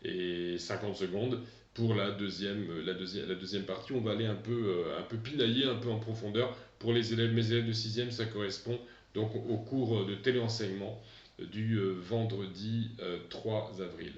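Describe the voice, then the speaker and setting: A man in his fifties teaching an English lesson to pupils over a remote class, pausing often with fillers and having them repeat after him. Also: fairly low pitch, steady tone, recorded from a distance, muffled recording. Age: 50s. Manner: hesitant, repeats words for pupils to echo.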